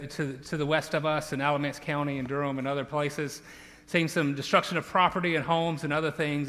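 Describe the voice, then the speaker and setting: Speaking from a large church auditorium, a thirtysomething campus pastor from Louisiana delivers a sermon in a Southern accent. He keeps it earnest and conversational, restarting frequently, in a slightly high voice that's bright and forceful. Long reverb from the big church hall fills the recording.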